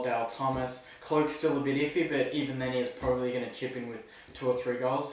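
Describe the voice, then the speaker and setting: Recorded at a distance in an echoey room, a medium-pitched Australian man vlogs his footy tips for the round ahead. He's opinionated and casual, often making jokes at his own expense.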